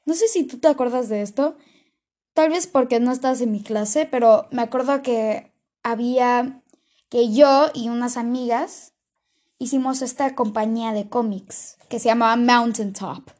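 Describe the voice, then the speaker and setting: A woman's voice: a little high, normal speed, a little mellow. A woman in casual chat who tells stories in a chatty way and often restarts her sentences. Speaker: co-host.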